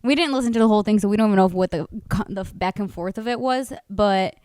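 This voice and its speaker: A woman's voice: mid-range voice, fast, a little mellow, clean tone, no room sound, studio quality. Chatty woman podcast co-host. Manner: chatty, laughing, swears freely. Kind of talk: casual chat.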